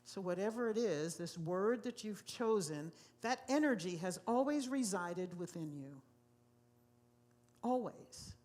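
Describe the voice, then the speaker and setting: A woman's voice: mid-range voice, lively intonation, normal speed, few pauses, a little mellow. A woman pastor delivers a sermon in a church sanctuary. She speaks with emphasis and repeats her key phrases to drive them home.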